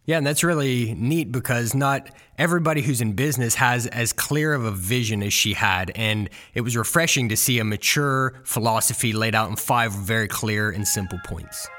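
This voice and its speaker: A man's voice: mid-range voice, moderate pace, hardly any pauses, sharp tone, faint music behind. A man co-hosting an interview, chatting in an easygoing, agreeable way. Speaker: podcast co-host. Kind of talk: casual interview conversation.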